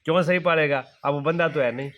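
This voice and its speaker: A middle-aged man talks fast in a fairly high voice while giving a devotional sermon as a spiritual teacher. He asks questions only to answer them himself and repeats down-to-earth everyday examples. The sound is lo-fi, with a little hiss or hum.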